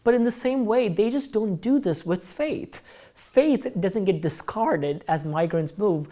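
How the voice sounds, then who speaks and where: A man's voice: sits high, expressive, a little slow, mellow. Earnest man lecturing, with frequent hesitations. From Kuwait. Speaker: lecturer on missions. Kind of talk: recorded teaching lecture.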